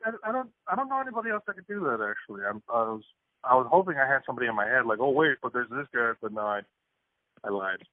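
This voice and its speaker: A man's voice: medium pitch, sing-song, rapid-fire, dry recording. A playful young man from Hawaii, a comedic content creator chatting as a guest in a casual phone interview, laughing often. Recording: dry tinny phone line.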